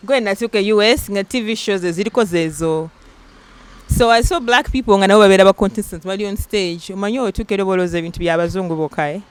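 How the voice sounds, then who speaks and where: She speaks very fast in a clear, resonant, medium-pitched voice: a young singer from Uganda chatting as an interview guest in a mix of Luganda and English. Her storytelling is lively, and she acts out the quotes she relays.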